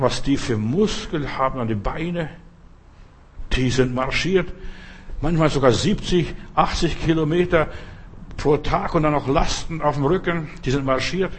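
A man delivers a provocative sermon in a loose, conversational way. His voice is husky and sits a little high. He keeps turning to the listener with direct questions. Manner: conversational, provocative preaching, often asks "verstehst du?". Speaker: preacher.

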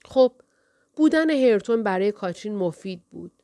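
A woman narrating a novel in first person with a measured, steady storytelling manner. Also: medium pitch, no room sound. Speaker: audiobook narrator. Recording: dry, close studio recording.

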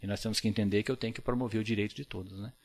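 In a casual podcast conversation, a Brazilian man speaks Portuguese with a Brazilian accent. As a guest, he talks earnestly and reflectively in a fairly low, fairly even voice at a very fast pace, often closing his thoughts with a tag question.

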